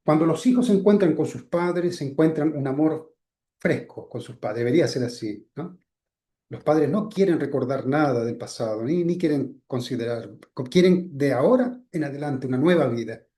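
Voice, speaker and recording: A man giving a spiritual teaching talk. He keeps addressing his listener by name, often lets his voice sink softly at the ends of phrases, and checks in with short questions. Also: fairly high pitch, animated, moderate pace. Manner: asks frequent checking questions.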